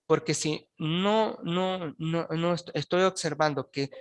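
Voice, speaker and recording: With a somewhat high, clean-toned voice and a slow pace, a male university lecturer talks with his online postgraduate students over a video call. He often falters and restarts words, checking in with "¿sí?" again and again.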